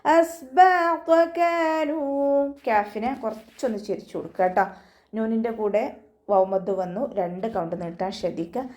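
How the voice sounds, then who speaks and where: A woman's voice: steady tone, mellow. A woman teaching Quran recitation rules in an online class, patiently correcting pronunciation step by step. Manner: chants verses slowly and higher between explanations. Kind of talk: tajweed lesson with slow recited verses.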